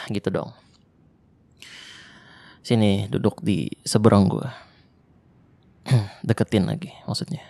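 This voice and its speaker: A man voices a lonely young male survivor of a zombie apocalypse in an ASMR roleplay, speaking softly and intimately close to the microphone in casual Jakarta slang. His voice is on the low side and creaky, with a Jakarta colloquial Indonesian accent.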